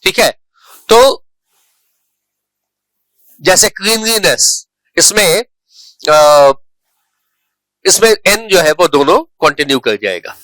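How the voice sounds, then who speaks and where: A man's voice: sits high, lively intonation, a bit bright, no room sound. A man giving an online English spelling lesson, repeating example words and checking in often. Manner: explains slowly, repeats words, checks in with "right". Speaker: English teacher.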